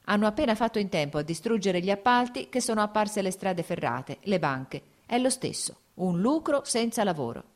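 A woman's voice: mid-range voice, animated, normal speed, hardly any pauses, voice pushed up, lightly acted. A woman voicing an earnest, brooding male landowner who argues his point in an audiobook reading. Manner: earnest, argumentative.

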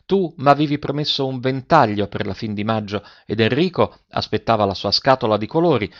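A man's voice: medium pitch, animated, a little fast, natural voice. A man voicing an earnest, determined young girl pleading with her mother, in a slightly dull recording. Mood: resolute. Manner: resolute, pleading.

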